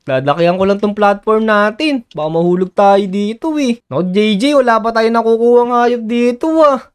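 Man, high voice, smooth and clear, excitable, bossy gamer chatter. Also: a little fast. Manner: bossy, excitable, urges his partner to hurry. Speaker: gaming channel host. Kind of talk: excited Minecraft let's-play chat.

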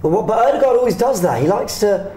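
A man's voice: high-pitched, expressive, fast talker, dark tone. A man giving analytical play-by-play as he chats through a live football watchalong. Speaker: watchalong commentator. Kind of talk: live football commentary and chat. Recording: clearly noisy with clicks.

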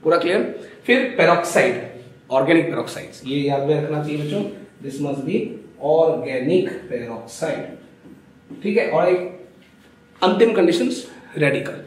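A man's voice: fairly high pitch, lively intonation, a little slow, long pauses. Echoey, far-off man teaching chemistry. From Assam, India. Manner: coaxing, repeats checks with students. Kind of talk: classroom lecture. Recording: very echoey room, voice from a distance.

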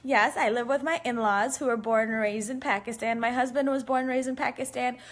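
A woman's voice: on the high side, steady tone, a little fast. A woman in her thirties from the United States, a physician chatting casually on a live stream from her home kitchen, rambling with many ums and frequent laughs. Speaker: family physician and cooking vlogger. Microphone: phone held at arm's length.

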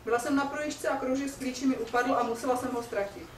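A fearful young wife, stammering and pleading for mercy, as a woman lecturer reads her aloud. The voice sits fairly high and sounds distant in a reverberant room with faint ambience. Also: slight background noise, natural voice. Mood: frightened. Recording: roomy hall from a distance.

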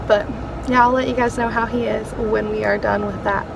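A young woman chatting excitedly as a vlogger, filming herself on a phone held at arm's length. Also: a little high, brisk, creaky, rough recording. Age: young adult. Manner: chatty, excited fan talk. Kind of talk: casual vlog chat. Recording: phone vlog with background noise.

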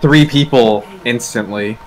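Man, medium pitch, casual gamer talk, team voice chat, busy babble behind the voice. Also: a little slow, a crowd in the background, rough recording.

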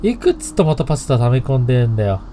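Animated Japanese horror-game streamer, man. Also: medium pitch, fast, slight background noise. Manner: reads game lines aloud in an animated way, joking. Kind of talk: horror game let's play commentary.

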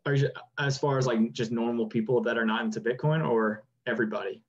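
A man's voice: medium pitch, fast talker. A man in his twenties, a guest on a video-call interview, talking loosely with many fillers. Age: 20s. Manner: relaxed, lots of "like" and "you know". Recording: dull lo-fi video-call audio.

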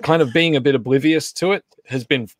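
A man with a fairly high voice hosts a casual livestream chat, rambling conversationally at a slightly quick clip. He's the host and co-creator, speaking from a home setup on a group video call, with no audible room sound.

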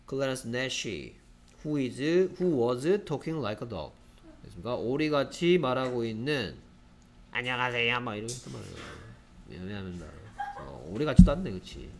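A man teaching an English grammar lesson to students, lively and constantly checking in with rhetorical questions. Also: on the high side.

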